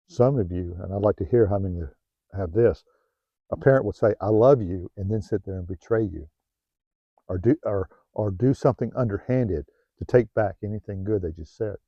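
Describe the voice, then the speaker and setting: A middle-aged man with a Southern US accent gives heartfelt self-help advice, often restarting his phrases and growing quieter when he gets personal. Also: on the low side, dry recording, muffled recording. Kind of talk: earnest motivational talk to camera. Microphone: new home-video mic, dull sound.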